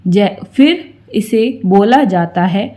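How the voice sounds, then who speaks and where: Very slow-paced woman teacher. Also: medium pitch, animated, dark tone. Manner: slow, careful, spells out syllables one by one. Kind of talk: Hindi alphabet lesson.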